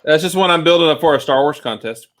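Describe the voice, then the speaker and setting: A man who works as a kids pastor, chatting on a stream in an easygoing, halting way and laughing at himself. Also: a little high, fairly bright tone. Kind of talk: casual chat on a live stream.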